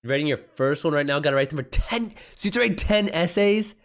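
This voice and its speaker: Fast-talking and expressive, this self-published author with an American accent runs a casual livestream. He answers viewers' comments aloud in a slangy, informal way, and his pitch is fairly high.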